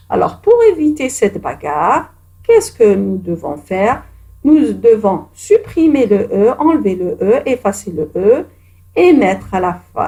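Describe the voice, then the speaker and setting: A woman's voice: medium pitch, a little mellow. A woman teacher giving a grammar lesson to children, patient and encouraging, speaking to her pupils directly.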